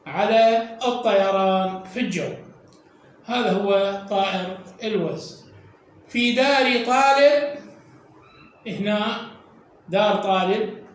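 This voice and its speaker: A man with an Iraqi accent teaches children to read, drawing out and repeating each syllable slowly. His voice sits very high. He is heard from a distance in a strongly echoing room with a faint hiss behind him. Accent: Iraqi Arabic. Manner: slow, drawn-out syllables, repeating sounds for learners. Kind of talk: children's reading lesson. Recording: echoey room, voice from off mic.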